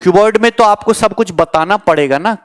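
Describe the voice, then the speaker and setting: In an online exam coaching lecture, a man teaches maths live with a high, brisk voice. He teases and jokes with students, chats freely, responds to their comments, and slips English terms into his explanations.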